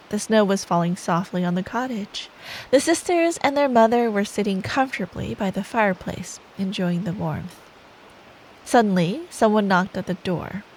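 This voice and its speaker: A woman with a mid-range voice tells a bedtime story ASMR-style, performing as a girlfriend, sweet and playful and taking her time. The audio is poor, with a soft rain sound effect faintly audible behind her.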